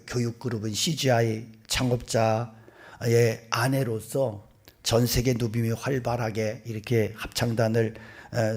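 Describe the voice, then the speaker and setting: Male pastor, middle-aged, husky gravelly sermon voice, dramatic whisper-to-shout delivery. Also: mid-range voice. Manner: animated storytelling, acting out voices, swinging between whispers and loud outbursts. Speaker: senior pastor.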